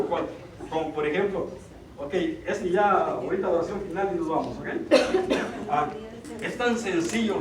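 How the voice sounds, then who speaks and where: A man's voice: high voice, noisy background. A middle-aged man giving an earnest church retreat talk, often checking in with listeners. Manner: earnest, questions the audience with tag "ok?". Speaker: lay speaker at a church retreat. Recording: roomy hall, from far off.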